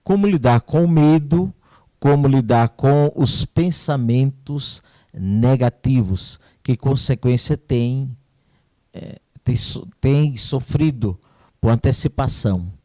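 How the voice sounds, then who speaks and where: A man's voice: medium pitch, warm tone, dry recording. Man priest reading questions. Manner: measured, reads questions aloud. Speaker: priest hosting live stream.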